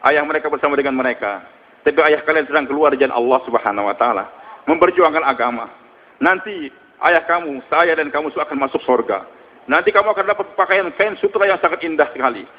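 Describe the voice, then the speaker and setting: A patient, devoted mother soothing her children, as a male preacher voices her. The voice sits high for a man. It rings with a long, hall-like echo and sounds muffled. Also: fast, natural voice.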